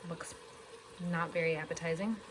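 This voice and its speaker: Cooking at home for her casual vlog, a woman speaks in a low, fairly even voice at normal speed, chatting self-deprecatingly and talking as she eats. The sound is reverberant with background noise.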